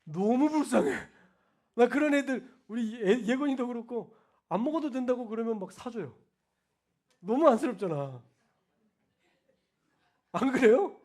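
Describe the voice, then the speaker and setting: A male pastor with a high voice preaches a sermon. He moves between forceful, loud declarations and quiet, almost whispered asides. He speaks colloquially, turning often to the congregation. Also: lively intonation, moderate pace, long pauses. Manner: swings between loud emphatic declarations and hushed, soft asides; colloquial, addresses the congregation directly.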